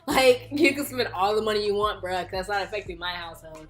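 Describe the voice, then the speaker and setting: Quick-paced and fairly bright, this mid-range voice belongs to a Houston, Texas YouTuber in her early twenties. She's chatty and playful in her question-and-answer vlog and laughs a lot.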